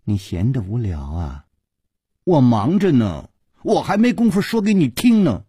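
A storyteller voicing a cheeky young male servant who teases and speaks in sly, low asides. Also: very animated, a little slow, husky, dry recording, clean studio sound, exaggerated voice. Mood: teasing. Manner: teasing, sly, soft asides.

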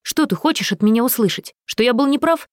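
A woman voicing a hot-tempered young male caravan leader in an audiobook, with loud, forceful outbursts. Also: medium pitch, animated, a little fast, no echo, studio quality, pitched above the performer's own voice, close to an everyday voice. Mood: angry. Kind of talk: audiobook character reading.

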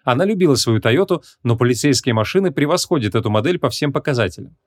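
A man's voice: medium pitch, animated, quick pace, no echo, clean studio sound. Man reading a humorous fantasy audiobook. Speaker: audiobook narrator. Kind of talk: scripted audiobook narration.

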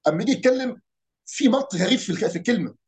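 Fast-talking Egyptian man explaining dialects. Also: sits high. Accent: Egyptian Arabic. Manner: animated, imitates regional pronunciations, rhetorical questions. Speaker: speaker on Arabic dialects and folk heritage. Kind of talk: casual explanatory talk.

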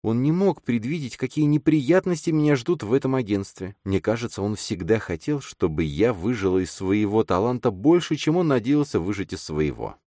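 A man voicing an affectionate, playful adult woman in an audiobook, lifting his voice higher and speaking softly and teasingly. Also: expressive, moderate pace, hardly any pauses, dry recording, studio quality, natural voice. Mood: tender. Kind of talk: audiobook character reading.

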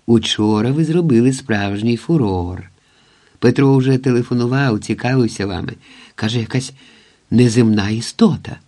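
A man's voice: medium pitch, normal speed, warm tone, close to an everyday voice. A man doing a jovial, teasing skeptic. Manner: joking, mildly mocking.

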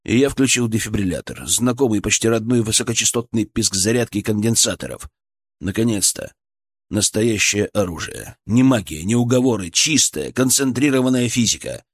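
A man's voice: fairly low pitch, animated, moderate pace, breathy edge. A man reading a fantasy audiobook in the first person, telling a tense story in a dramatic way. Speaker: audiobook narrator.

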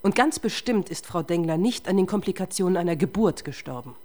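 An actress plays a tough, relentless female police detective in a German radio crime drama, pressing, confrontational and sardonic. Her lowish, mellow voice is expressive, a little fast, and close to everyday speech.

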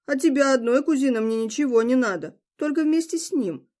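A woman's voice: sits high, animated, a little fast, warm tone, voice pushed up. A woman reading the part of a teasing trickster god with a theatrical, mocking delivery. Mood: sly. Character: sly mocking trickster god, male, grown man.

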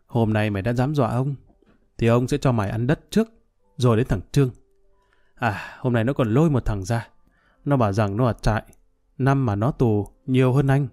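Guy reading as a drunk angry tough guy, ranting threats, mellow low-key tone. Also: moderate pace, pauses often, faint music behind, lightly acted. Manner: blustering, vengeful rant. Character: drunk, hot-tempered middle-aged man, boastful and threatening.

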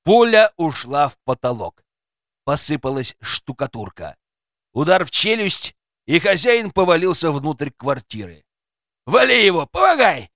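Male audiobook narrator, first person, lively pitch, somewhat high, dry close mic. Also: measured pace, dry recording. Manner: first-person storytelling with vivid, tense pacing.

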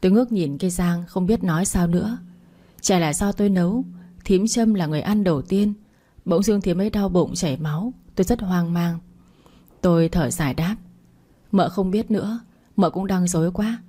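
A woman narrating a first-person family drama story in an even, unhurried way. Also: lowish voice.

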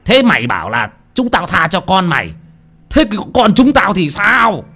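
A man voicing a furious, vengeful old village man who shouts threats. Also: high-pitched, big pitch swings, normal speed, vocal fry, voice pushed up, exaggerated voice.

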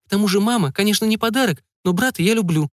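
A man's voice: high voice, fast talker, dry recording, clean studio sound, voice pushed up, natural voice. Man putting on a spirited young girl's voice. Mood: frank, defiant. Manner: earnest, defiant. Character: young island girl, spirited but sensible.

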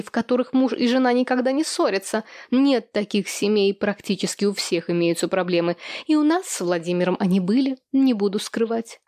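A woman doing a shrill, indignant young widow. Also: a little mellow, no room sound, studio quality, natural voice. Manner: shrill, defensive outbursts.

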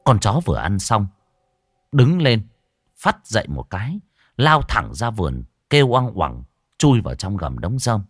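A man's voice: lowish voice, measured pace, slightly rough, no echo, clean studio sound. A man telling a comic village story, acting out all the voices. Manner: lively, acting out many voices.

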